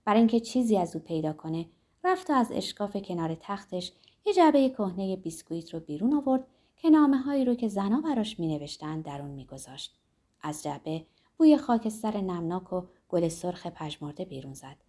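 A woman narrating a novel aloud in a calm, expressive storytelling voice. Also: on the low side.

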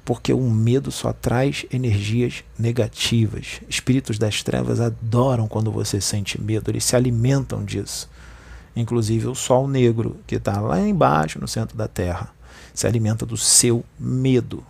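Gravelly Brazilian man giving a spiritual talk. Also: medium pitch, moderate pace, darkish tone. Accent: Brazilian Portuguese. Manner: conversational, tags lines with "né" and "tá", addresses listeners as "gente". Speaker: spiritual speaker. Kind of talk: informal spiritual talk to an audience.

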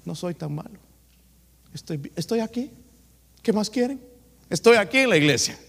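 A man voicing a self-righteous Pharisee who boasts about himself with indignant smugness, in a higher voice than his own. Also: expressive, normal speed, creaky, a bit bright, slightly rough, long reverb tail, heavily acted. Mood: smug.

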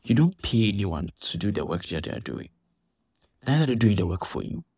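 A man talks in a casual, indignant monologue, his voice slightly husky and his delivery animated. He restarts his sentences often as he works through his point. The recording is dry and close, with no room sound. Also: on the low side, a little fast, no echo. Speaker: church member commenting on a dispute.

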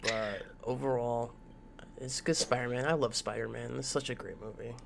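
A man hosting a casual group podcast chat, sounding sick and low on energy. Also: steady tone, moderate pace, vocal fry, heavy background noise. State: sick with a headache. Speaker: podcast host.

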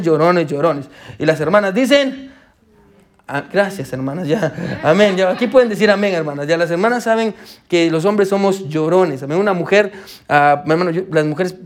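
A young man preaching a sermon to his congregation, halting with fillers and repeated words and often saying amen. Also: sits high. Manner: addresses the congregation as brother and sisters.

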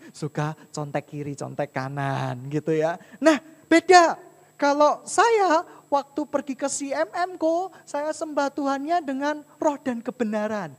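A married adult man with a high-pitched voice delivers a humorous sermon, heard with a long reverb tail. Playful and joking about himself, he keeps addressing listeners as "saudaraku," his brothers and sisters.

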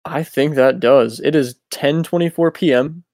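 Tired young man, flat low-key chat. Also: moderate pace, no echo, clean studio sound. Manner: low-key, many filler ums. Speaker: podcast co-host. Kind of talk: casual chat. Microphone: Discord voice call.

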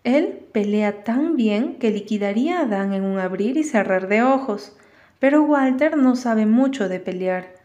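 A woman voicing a spirited young girl who talks in an excitable, pleading way. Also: a little high, unhurried, highs cut off. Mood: earnest.

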